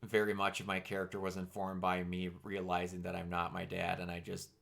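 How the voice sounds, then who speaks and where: A young man talking casually on a game stream, halting with many restarts. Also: deep voice, completely flat delivery, gravelly, fairly bright tone.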